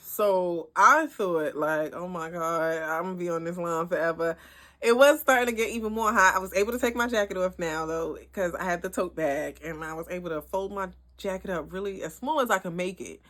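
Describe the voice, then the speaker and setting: A young woman, telling a story in a chatty, animated vlog. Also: lowish voice, fairly quick. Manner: chatty, animated, frequent "like" and "whatever". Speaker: vlogger.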